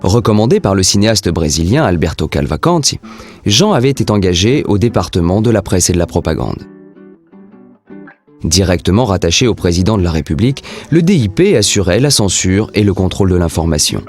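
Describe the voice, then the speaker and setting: A man's voice: sits low, very animated, fairly quick, darkish tone, soft background music. A man reading scripted narration for a historical documentary.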